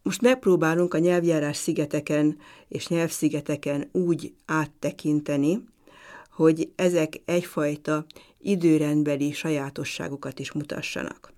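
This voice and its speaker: A woman lecturer giving an academic talk in a measured, deliberate way, pausing now and then to hesitate. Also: sits low, steady tone, darkish tone. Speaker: university lecturer.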